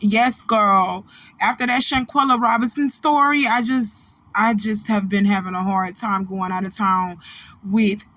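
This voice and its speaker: A woman's voice: medium pitch, fairly even intonation, unhurried, fairly bright tone. A woman with an American accent hosting a gossip channel, talking casually to followers in a sassy, blunt, slangy way and repeating phrases for emphasis. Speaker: host of a gossip video channel.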